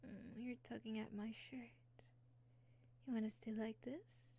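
A young woman doing an ASMR roleplay as a caring caretaker, whispering slowly and soothingly into a close mic, with frequent soft "mm-hmm" murmurs. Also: a little high, little pitch movement, a little hiss or hum. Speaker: ASMR creator. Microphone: close sensitive mic.

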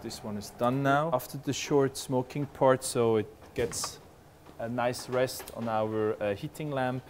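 A head chef explains a dish as he cooks in a large restaurant kitchen, recorded on a lapel mic with a little hiss or hum. His mid-range voice has a measured pace, and he sounds relaxed and explanatory, with frequent "uh" fillers.

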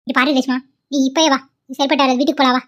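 A woman's voice: high-pitched, steady tone, racing, close to an everyday voice. A woman voicing a pushy middle-aged mother in a cartoon, talking harshly and scolding. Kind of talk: cartoon voice acting.

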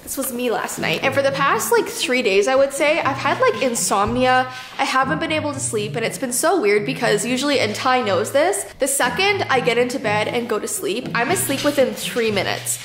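A woman's voice: high voice, expressive, a little fast, hardly any pauses, a bit bright. A young woman, chatting informally as she vlogs and tells stories in an echoey, sparsely furnished bedroom. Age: young adult. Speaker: vlogger. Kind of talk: casual vlog storytelling. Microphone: camera held or set at about arm's length. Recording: echoey, sparsely furnished room, music behind.

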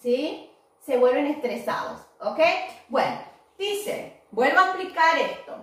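A woman teaching kids English online, her high voice swooping up and down as she models words slowly and cheerfully. She sounds far from the mic in a very echoey room. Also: very animated. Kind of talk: online class for children.

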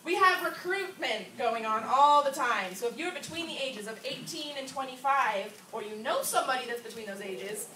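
Brief: energetic young woman from Florida, church announcements, echoey hall, far camera. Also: sits high, moderate pace, few pauses. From Orlando, Florida. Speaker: drama ministry team leader. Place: church hall with a wooden floor, indoors. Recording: echoey room from far off, noisy.

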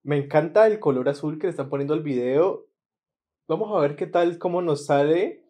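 A man's voice: fairly high pitch, moderate pace, dark tone, soft background music. A man hosting a casual reaction video, enthusiastic and often repeating words as he searches for them.

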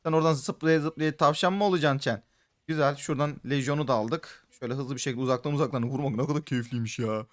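A young man hosting a gaming channel, giving live gameplay commentary and getting excited and shouting at his teammates. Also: mid-range voice, fast.

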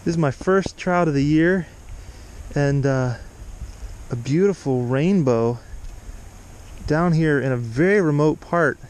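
A man's voice: a little high, slow pace, pauses often, darkish tone. A man vlogging outdoors by a mountain stream, talking enthusiastically and exclaiming as he fishes, recorded on a chest-mounted camera. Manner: enthusiastic, exclaiming, laughing often. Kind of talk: excited outdoor vlog commentary. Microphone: chest-mounted action camera.

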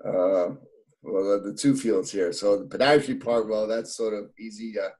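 A New York City man in his fifties with a New York accent, a podiatrist, joins a casual video-call interview from an indoor office. His voice is lowish, steady, and a bit mellow at normal speed, and he rambles with plenty of fillers and restarts, laughing easily.

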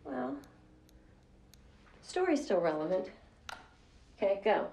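A woman's voice: mid-range voice, very animated, slow, gravelly, warm tone, a little hiss or hum, full character voice. An actress playing a distracted, rambling woman who hopes to have a baby. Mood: teasing. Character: scatterbrained woman hoping for a baby. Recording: roomy film sound from a distance.

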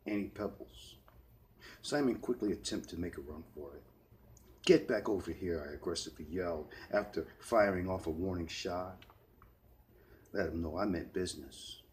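A man's voice: sits low, a little mellow, slight background noise. A man reading a first-person story aloud with a heated, dramatic delivery. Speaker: narrator.

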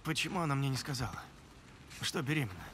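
An actor playing a concerned, steady young male survivor in a video game. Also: medium pitch, fast, close to an everyday voice. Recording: rain noise behind the voice.

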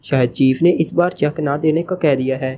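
A man's voice: on the high side, fairly even intonation, moderate pace, mellow, a little hiss or hum, close to an everyday voice. A man reading the part of a polite, respectful male agent.

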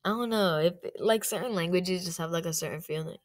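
A young woman chats her way through a casual vlog, rambling from one thought to the next. Her voice sits slightly low, and her talk is loose and unpolished. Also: brisk. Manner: rambling and chatty, full of fillers. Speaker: YouTuber. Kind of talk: casual screen-recording vlog commentary.

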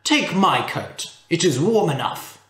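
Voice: medium pitch, sing-song, unhurried, a bit bright. A narrator doing a gullible rich man. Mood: eager. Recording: roomy echo.

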